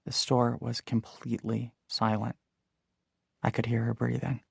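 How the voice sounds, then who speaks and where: Male audiobook narrator, gravelly, mid-pitched, dry close read. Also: level tone, a little slow, no room sound. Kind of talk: first-person audiobook narration.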